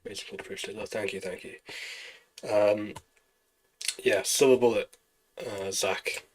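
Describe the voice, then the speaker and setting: A man streaming live trading, talking through charts and answering chat questions in a relaxed, explanatory way. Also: lowish voice, normal speed, a little hiss or hum, low-quality recording. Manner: relaxed, explanatory, thinking aloud over charts.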